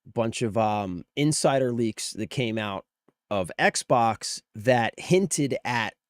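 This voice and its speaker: This livestream host is ill, and his voice is strained from almost losing it as he casually discusses gaming news with viewers. He talks slowly but animatedly in a mid-range voice, with studio-quality audio and no echo.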